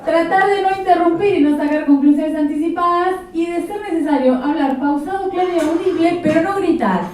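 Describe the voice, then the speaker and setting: A conference speaker with a Rioplatense Argentine accent explains practical material to a professional audience, slipping in a bit of humor. Her voice is very high yet darkish in tone, slightly fast, and it reaches the mic distantly through a heavily echoing hall.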